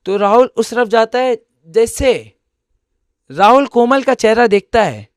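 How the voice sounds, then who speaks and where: A young man casually narrating a horror story, chatting to listeners and murmuring low when he voices the characters. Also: expressive, measured pace, smooth, no echo, clean studio sound. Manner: chatty, addresses listeners as guys, mixes English words.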